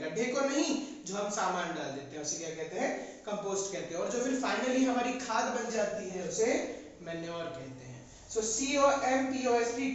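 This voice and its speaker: A woman teacher with an Indian English accent, giving an online lesson to young children, spelling words out letter by letter and repeating them. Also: on the high side. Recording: echoey, distant, dull sound.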